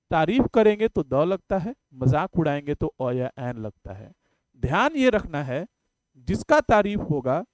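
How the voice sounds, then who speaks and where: A man's voice: fairly high pitch, a little mellow, no room sound. A man teaching English grammar in an exam-prep lecture, chatty and jokey, asking the class questions and then answering them himself.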